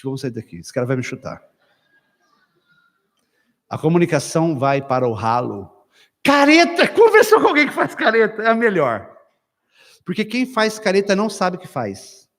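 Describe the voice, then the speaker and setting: Animated pastor preaching in a reverberant hall. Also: male voice, sits high. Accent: Brazilian Portuguese. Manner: animated storytelling with acted quotes and sudden loud bursts. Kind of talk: lively sermon at a couples' retreat. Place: church hall.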